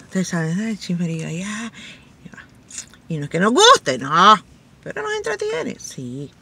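Lively, bright-voiced middle-aged woman vlogger. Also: a little slow, vocal fry, breathy edge. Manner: chatty and animated, with frequent laughs; acts out quoted voices in a high pitch. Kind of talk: casual storytelling to camera.

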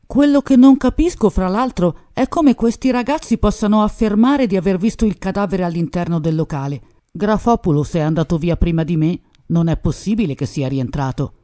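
Brief: a woman playing an evasive club boss, calm and guarded. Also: on the low side, moderate pace, natural voice. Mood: protesting. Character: calm, cagey male nightclub owner.

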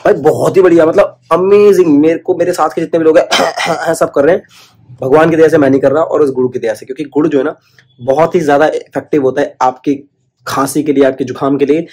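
A man's voice: fairly high pitch, fairly even intonation, brisk, a little mellow, husky. Chatty man vlogging at home. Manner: chatty, gives home-remedy tips, calls viewers brother. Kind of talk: casual home vlog chat. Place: at home, indoors.

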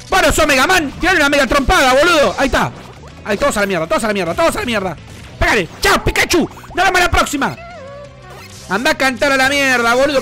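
Argentine gaming host, man, foul-mouthed play-by-play; very high, rapid, bright delivery. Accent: Argentine Spanish. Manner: foul-mouthed, yelling insults at the game. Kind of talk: let's play commentary.

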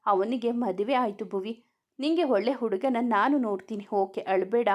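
A caring middle-aged mother, gentle yet firm, with a slightly high voice, as a woman narrator reads her part. The voice stays close to a plain storytelling tone. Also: normal speed, natural voice.

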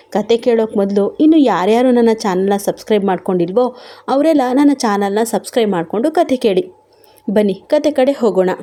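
A woman's voice: on the high side, dark tone. A woman storyteller reading aloud her own romance serial and welcoming listeners to her channel.

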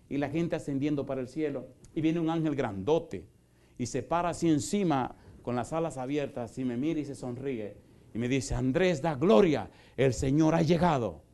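A middle-aged male pastor preaching an evangelistic sermon in a church, firing rhetorical questions and moving from loud preaching to soft pleading. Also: fairly high pitch. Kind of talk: evangelistic sermon with altar call. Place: church in Houston, Texas.

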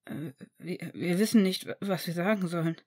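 Soft-spoken young dad, a bit halting, voiced by a female reader. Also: lowish voice, slightly rough, pitched below the performer's own voice. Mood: tender. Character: warm young husband and father, adult.

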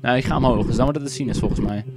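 Rambling, tipsy young man with noisy background. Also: racing. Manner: rambling, goofy, swears a lot, sudden high-pitched outbursts. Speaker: gaming YouTuber. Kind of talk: tipsy gameplay commentary. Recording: loud background noise.

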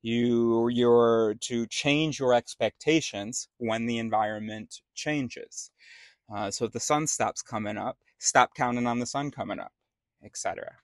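Rambling man thinking out loud. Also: mid-range voice, a little slow, dry recording, clean studio sound. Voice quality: rambling, self-interrupting. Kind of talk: casual spoken monologue.

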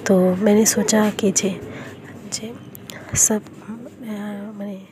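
A woman with a Bengali accent and a hoarse voice from a cold, chatting haltingly in a vlog from her home kitchen, often stopping to search for words. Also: mid-range voice, level tone, a crowd in the background, low-quality recording. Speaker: lifestyle vlogger. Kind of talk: casual vlog chat.

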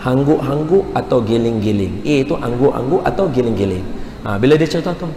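A man with a northern Malaysian accent giving a lively, humorous lecture in a large mosque hall, acting out little dialogues as he teaches. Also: medium pitch, brisk. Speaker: religious lecturer. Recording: echoey hall with faint background hum.

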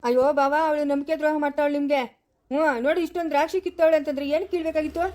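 A woman playing a sly, scheming young village man who grumbles in low asides in an amateur family drama. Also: flat delivery, racing, a little mellow, lightly acted. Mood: complaining.

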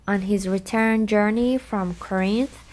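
A woman's voice: medium pitch, steady tone, measured pace, darkish tone. A woman in her thirties from Iran, not an English speaker, giving a chatty, curious walking tour of ancient ruins outdoors into a handheld camera. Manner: chatty, curious, nonnative phrasing. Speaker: travel vlogger. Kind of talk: walking travel vlog tour. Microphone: camera held at arm's length.

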